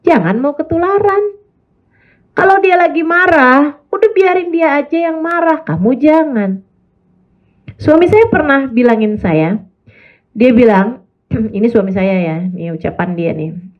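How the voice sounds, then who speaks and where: A woman preacher in her forties from Indonesia gives a religious talk addressed to women. She tells stories with animation and acts out the voices of the people she quotes. Her voice sits a little high, and the recording sounds somewhat muffled and lo-fi. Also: unhurried, long pauses. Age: 40s.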